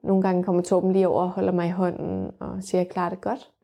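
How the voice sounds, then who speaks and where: A young woman telling her own birth story frankly and vividly, often pausing on fillers. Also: on the low side, completely flat delivery, vocal fry, warm tone, faint music behind. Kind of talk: candid personal storytelling.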